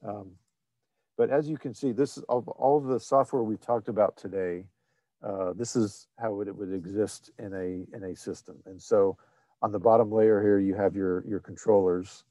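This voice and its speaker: Male webinar presenter, mellow dry voice, halting delivery with frequent fillers. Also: lowish voice, steady tone, dry recording. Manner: halting, many fillers and restarts. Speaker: presenter of an online technical seminar. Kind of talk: screen-shared webinar presentation.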